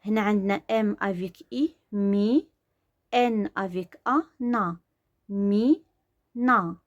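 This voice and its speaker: A woman with a Moroccan Arabic accent teaching beginner French reading. She explains in Darija and sounds out syllables slowly and deliberately. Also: medium pitch, highs cut off.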